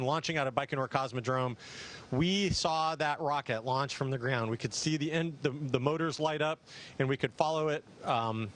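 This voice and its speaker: A man's voice: medium pitch, fairly bright tone. A man, an astronaut, giving enthusiastic, casual answers to students about his experiences.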